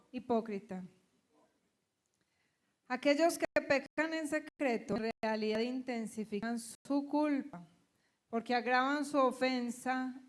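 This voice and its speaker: Colombian woman pastor preaching. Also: fairly high pitch. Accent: Colombian Spanish. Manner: animated storytelling, acting out quoted voices. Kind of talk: sermon with personal anecdotes.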